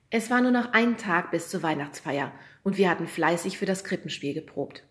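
Woman reading a kids book, calm, steady. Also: lowish voice. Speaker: reader. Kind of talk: audiobook reading of a children's book.

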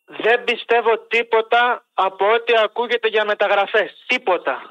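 A man's voice: high-pitched, dry recording, highs cut off. A man phoning into a sports radio show, speaking gloomily and pessimistically. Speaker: caller. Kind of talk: phone-in call.

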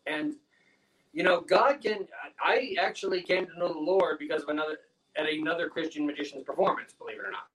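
A man speaking a touch higher than most men, heard from a little way off the microphone. He tells stories with earnest energy, talking about faith and his craft in a relaxed conversation. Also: a little fast, far from the mic, rough recording. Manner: animated storytelling, earnest.

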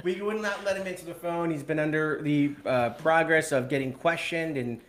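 Man, host of a live video podcast chat; upbeat, slightly higher voice, trips over words. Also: fairly even intonation, normal speed, fairly bright tone. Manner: upbeat, stumbles over words and repeats himself.

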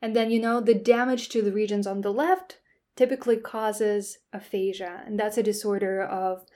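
A woman guest in an interview, patiently explaining her research in a relaxed way, often checking in with "right?". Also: mid-range voice, normal speed. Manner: explains patiently, with frequent "right?" and "that kind of stuff". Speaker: scientist guest.

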